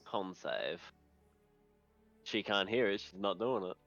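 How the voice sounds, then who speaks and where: A man's voice: on the low side, very animated, slow, vocal fry, a bit bright, soft background music. A man chatting casually as a tabletop game player, recorded on a dull lo-fi mic.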